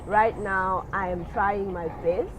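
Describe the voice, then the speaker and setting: A South African woman in her twenties from Johannesburg, speaking earnestly and in a measured way about her own story. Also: mid-range voice, fairly even intonation, background noise. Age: 20s. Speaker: interviewee sharing her story. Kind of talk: personal testimony to camera.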